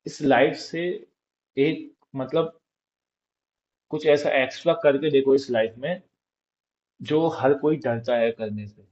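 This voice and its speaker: A man's voice: mid-range voice, slow, long pauses, a little mellow. Casual motivational man, slightly dull audio. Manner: informal, coaching, asks "ठीक है?" often. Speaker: motivational speaker.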